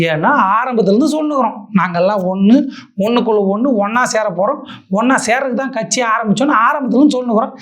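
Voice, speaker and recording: A woman hosts a sarcastic political roast. She mocks her targets with a stream of rhetorical questions. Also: on the high side. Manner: mocking, full of rhetorical questions.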